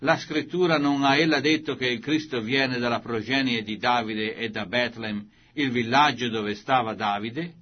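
A man reading a Bible passage aloud with a slow, measured, deliberate delivery. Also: mid-range voice, steady tone, highs cut off. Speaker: scripture reader.

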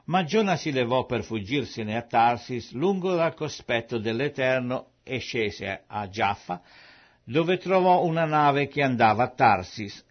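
Solemn male scripture reader. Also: mid-range voice. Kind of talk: scripted Bible reading. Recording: dull lo-fi recording.

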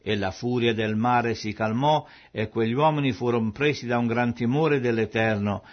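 A man giving a solemn, measured scripted Bible reading, on a dull lo-fi recording. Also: mid-range voice. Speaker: scripture reader.

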